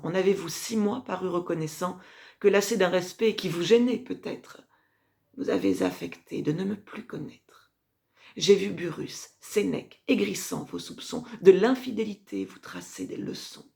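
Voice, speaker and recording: Agrippine, slow, proud tragic empress, played by a woman. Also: on the low side, creaky. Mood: bitter reproach. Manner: declamatory, measured, with hushed drops and emphatic swells. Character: proud, scheming Roman empress mother reproaching her son. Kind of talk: French classical verse tragedy monologue.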